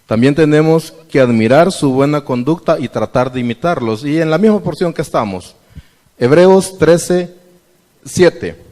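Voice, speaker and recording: A man's voice: on the high side, animated, normal speed, few pauses, darkish tone, in a large hall. A man giving a sermon to a church congregation, asking them questions and reading scripture aloud. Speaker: church member addressing the congregation.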